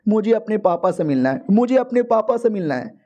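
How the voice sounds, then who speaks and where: A man's voice: high-pitched, very animated, a little fast, dark tone, voice pushed up. A man voicing a young woman, a city lord and wife, who pleads and whines insistently in a raised voice. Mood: pleading.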